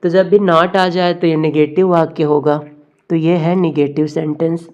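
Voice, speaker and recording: A woman teacher, going through exam questions, reading the slowly and explaining in Hindi. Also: sits low, little pitch movement, darkish tone, lo-fi sound. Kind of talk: exam MCQ lesson.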